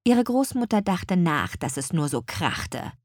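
A woman reads a children's storybook aloud, unhurried and calm. Her voice moves up and down with lively expression, and the recording is close and dry, with no room around it. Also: fairly low pitch, no echo. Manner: calm, measured, expressive reading. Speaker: audiobook narrator. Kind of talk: scripted storybook narration.

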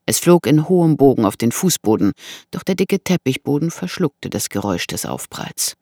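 An audiobook narrator reading a thriller with expressive storytelling. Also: moderate pace, dry recording, clean studio sound. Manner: expressive storytelling with lively pitch.

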